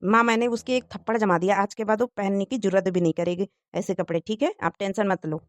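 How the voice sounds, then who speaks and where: A woman's voice: mid-range voice, fairly even intonation, brisk, dry recording, close to an everyday voice. A woman voicing a stern young husband in a cartoon moral story, who scolds and threatens his wife. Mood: reassuring. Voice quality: harsh, scolding.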